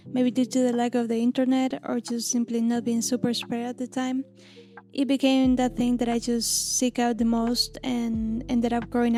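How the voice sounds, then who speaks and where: A woman in her thirties from Argentina, an illustrator narrating her own story in a gentle, reflective scripted voice-over. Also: on the high side. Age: 30s. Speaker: illustrator and channel host. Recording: lo-fi music bed under voice.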